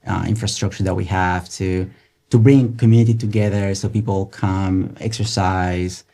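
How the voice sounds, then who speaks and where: A man's voice: sits low, fairly even intonation, normal speed, mellow. A middle-aged man from Colombia, a guest researcher in an interview, talking with enthusiasm, many restarts and "right?" tags. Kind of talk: casual interview talk.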